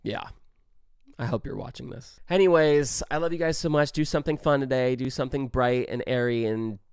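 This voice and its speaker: A man's voice: medium pitch, brisk, gravelly, smooth, no room sound, clean studio sound. A young man vlogging a casual storytime monologue, heated and profane as he recounts what happened. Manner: heated, profane, animated retelling.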